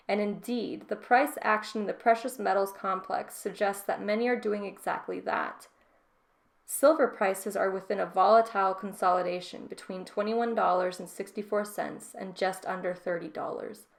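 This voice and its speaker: Nasal-voiced woman, stand-in news reader, slight gravel in the voice, steady delivery. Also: mid-range voice. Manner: plain, steady article reading, then loose casual sign-off. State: tired. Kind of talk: reading financial news articles aloud.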